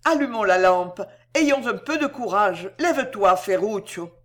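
A woman's voice: medium pitch, lively intonation, measured pace, a bit bright. A woman voicing a frightened old grandmother who is tender and desperate, speaking in a trembling, pleading way. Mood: comforting. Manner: trembling, pleading, breaking into anguished cries. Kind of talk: audiobook character voice.

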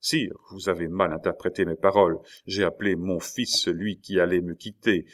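A man reading aloud, voicing a cold, scheming older queen mother with a measured, reproachful delivery. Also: low-pitched, fairly even intonation, lightly acted.

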